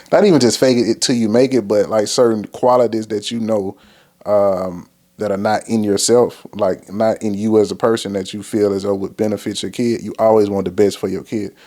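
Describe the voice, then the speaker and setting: A man in his thirties with a low, gravelly, mellow voice. He talks about fatherhood in a laid-back, slangy way and thinks out loud as he goes. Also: little pitch movement, moderate pace. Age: 30s. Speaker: co-host, father. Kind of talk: casual chat.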